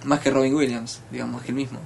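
A man's voice: mid-range voice, little pitch movement, fast talker, vocal fry, darkish tone, a little hiss or hum. A man with an Argentine accent in comedic banter, who often acts out quoted voices and laughs a lot. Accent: Argentine Spanish. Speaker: comedic panelist.

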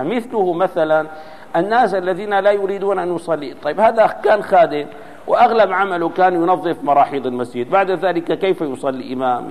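A man's voice: on the high side, a little mellow. A man giving an Islamic jurisprudence lesson, explaining step by step, quoting texts and demonstrating how letters should be pronounced. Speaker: religious teacher. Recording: long reverb of a large hall.

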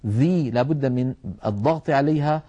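A middle-aged man teaching Quran recitation in a televised lesson, explaining deliberately and demonstrating how letters should sound. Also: medium pitch, dark tone.

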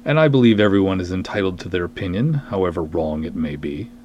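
Deep-voiced and expressive, this fast-talking podcast host, himself a writer and director, chats wryly and reads reviews aloud with dramatic emphasis and self-deprecating humor. His tone is darkish. The recording loses its highs and has a little hiss or hum.

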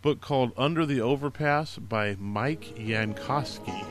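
A man at a middle pitch talks casually through his book picks. He is earnest and encouraging, and he restarts his sentences often with plenty of fillers. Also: measured pace, over loud music. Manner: conversational, many fillers and restarts. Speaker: podcast host recommending books. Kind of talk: casual spoken book recommendations.

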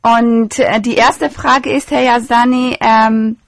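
A woman's voice: fairly high pitch, fairly even intonation, takes it slowly, no room sound. A woman hosting a radio show, asking an interview guest formal, polite questions.

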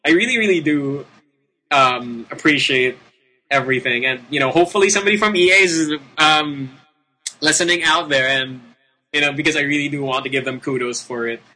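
A man's voice: fairly high pitch, fairly quick, pushed and bright, poor audio. A man with a Filipino accent hosting a video game show, talking in a casual, rambling, emphatic way. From Philippines. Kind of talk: casual, unscripted game commentary.

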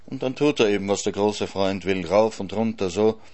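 A man giving a literary reading, sober and measured, with dry ironic asides. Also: lowish voice, darkish tone. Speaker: reader.

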